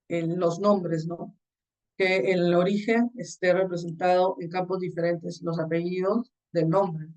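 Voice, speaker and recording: A course instructor giving a recorded lecture on the slides, explaining step by step and often checking in with a quick tag question. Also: medium pitch, a little mellow, recorded from a distance, low-quality recording.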